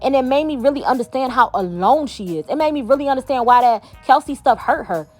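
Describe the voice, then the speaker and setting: A woman's voice: high voice, expressive, fast, a little mellow, faint music behind. A woman vlogger in a heated, profane commentary rant, talking emphatically.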